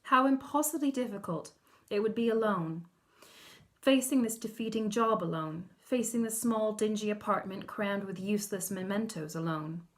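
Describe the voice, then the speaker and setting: Female author-narrator, audiobook reading, measured and expressive. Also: medium pitch. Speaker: author reading her novel.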